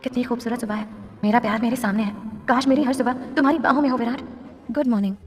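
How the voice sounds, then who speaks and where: A woman's voice: high voice, racing, faint music behind, natural voice. A woman voicing a playful, lovestruck young woman in a romance story, speaking sweetly and teasingly. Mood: dreamy.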